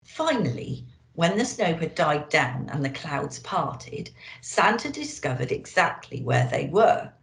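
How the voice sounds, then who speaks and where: A woman reading a children's storybook aloud in an expressive, theatrical way, addressing young listeners. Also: low voice, unhurried, creaky, few pauses. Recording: echoey, roomy sound.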